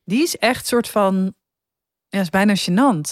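A woman's voice: mid-range voice, measured pace, no room sound, clean studio sound. A woman in her thirties co-hosting a podcast, chatting casually and laughing at herself. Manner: chatty, laughing, self-mocking. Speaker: podcast co-host. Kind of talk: casual chat.

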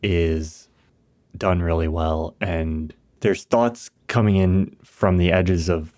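A man's voice: sits low, fairly even intonation, takes it slowly, a little mellow. A man co-hosting a film podcast, thinking aloud in a reflective, casual way and restarting his sentences as he goes. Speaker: podcast co-host.

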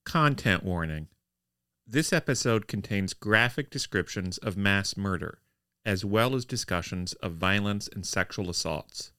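A man's voice: lowish voice, expressive, a little slow, sharp tone, clean tone, no room sound, clean studio sound. A man reading a scripted content warning as host of a true crime podcast.

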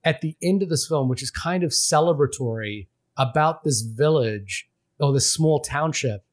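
A man's voice: a little high, expressive, moderate pace. A man from Fiji, a podcast co-host, talking through a film in casual, rambling chat full of restarts and fillers.

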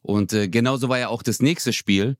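A man's voice: mid-range voice, normal speed, dry recording, studio quality. Slangy, storytelling German man. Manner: loose, slangy storytelling, acts out quotes. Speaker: podcast co-host. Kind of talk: casual chat.

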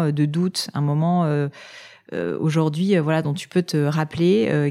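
A woman with a very low, mellow voice hosting an interview podcast. She asks long, winding questions full of hesitations. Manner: hesitant, filler-heavy questions. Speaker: podcast host.

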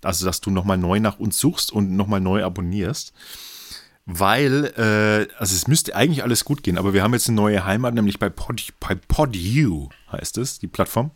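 A man with a Franconian accent co-hosts a beer podcast, chatting casually, rambling, correcting himself often and laughing easily. His voice is fairly low at a normal speed, and the sound is clean and studio-like with no echo.

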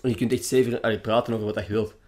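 A man's voice: fairly low pitch, flat delivery, rapid-fire, a little mellow. A young man with a Flemish accent hosting a podcast, chatting casually and laughing easily, with a playful, swearing manner. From Belgium. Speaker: podcast host. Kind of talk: casual chat.

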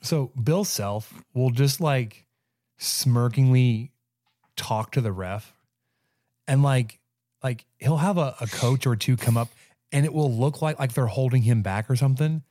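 A man of thirty-five co-hosting a sports podcast, telling stories in casual chat with quick stammering restarts. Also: mid-range voice, dry recording, studio quality. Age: 30s. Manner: animated storyteller, stammering restarts. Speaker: podcast co-host.

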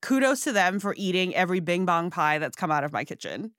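A woman's voice: on the low side, animated, fairly quick, fairly bright tone, no room sound, studio quality. A woman who grew up in Singapore and Hong Kong, chatting casually as a podcast guest with lots of fillers. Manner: chatty, frequent fillers, laughs easily. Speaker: guest, pie baker. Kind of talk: casual interview chat.

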